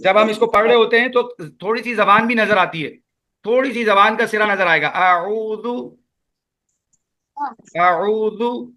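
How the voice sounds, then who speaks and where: A man teaching Quran recitation in an online class, with a Pakistani Urdu accent, patiently repeating sounds slowly for students to echo. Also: sits high, sharp tone.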